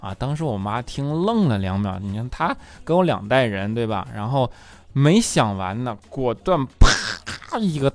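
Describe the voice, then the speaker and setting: A man with a medium-pitched voice and wide pitch swings talks at a moderate pace. He's hosting a stand-up comedy monologue, chatty and teasing, and keeps tossing rhetorical "right?" asides to the audience.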